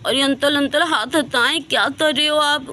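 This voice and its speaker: A woman's voice: sits high, steady tone, moderate pace, pushed and bright, slight background noise. A woman voicing a naive young woman who talks and pleads like a small child in a storybook tale. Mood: frightened pleading.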